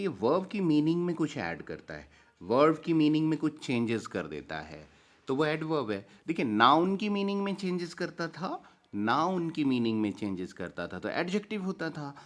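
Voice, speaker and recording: A man with an Indian accent teaching a grammar lesson, repeating key phrases and reading English examples slowly and deliberately. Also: a little high, big pitch swings.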